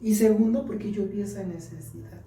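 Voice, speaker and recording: Mexican lady teaching church class, dark mellow voice, echoey room, mic far away. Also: mid-range voice, brisk. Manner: earnest, tells personal stories. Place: church hall.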